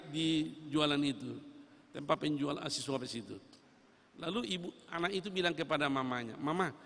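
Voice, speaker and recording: A man preaching a sermon as pastor, emphatic and repetitive, with loud rising refrains. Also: fairly high pitch. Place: church sanctuary. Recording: reverberant church hall.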